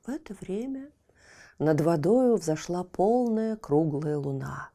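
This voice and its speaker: A woman narrating a children's bedtime story in a gentle, unhurried manner, sometimes dropping into a whisper at phrase ends. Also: on the low side, animated.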